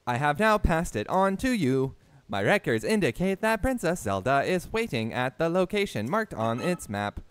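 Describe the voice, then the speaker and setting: A man's voice: on the high side, very animated, moderate pace, clean tone, no echo, pitched above the performer's own voice. A man putting on a robot voice to voice a formal male construct guide, reading the game's text aloud in a stiff, formal way. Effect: put-on robot voice, no filter. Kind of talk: reading in-game text aloud during a gameplay video.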